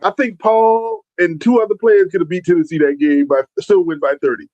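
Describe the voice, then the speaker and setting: A man's voice: high-pitched, steady tone, a little fast, darkish tone. A man in his forties co-hosting a podcast, chatting casually about sports in a laid-back, rambling way. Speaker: podcast co-host. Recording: dull lo-fi sound.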